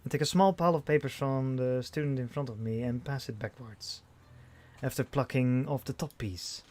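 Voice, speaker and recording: A man's voice: medium pitch, moderate pace, darkish tone. A man reading a visual novel aloud in first person, with dry delivery and frequent restarts. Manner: dry narration with restarts and sighs.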